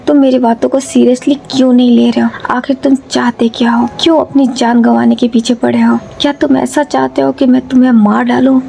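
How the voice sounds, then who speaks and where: A woman's voice: fairly high pitch, little pitch movement, brisk, vocal fry, hardly any pauses, mellow, a little hiss or hum. A woman voicing a stern, cold young man who speaks harshly and threatens. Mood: angry.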